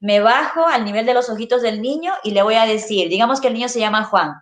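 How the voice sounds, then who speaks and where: A woman's voice: on the high side, fast. A woman, a child neuropsychologist, patiently explaining parenting in an interview and adding little checking questions. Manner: patient, explains with rhetorical tags. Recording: echoey room.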